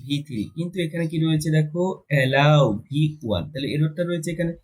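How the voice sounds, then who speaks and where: In poor audio, a man with a slightly high voice teaches English grammar for exam prep. He goes step by step, answering his own questions and moving between Bengali and slowly dictated English.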